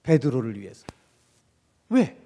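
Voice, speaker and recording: A man preaching a sermon as pastor in a church, animated and acting out quoted speech from the story. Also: medium pitch, a little slow. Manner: animated, acts out quoted speech of disciples and Jesus. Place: church sanctuary. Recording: long hall reverb of a church. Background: reverberant church hall.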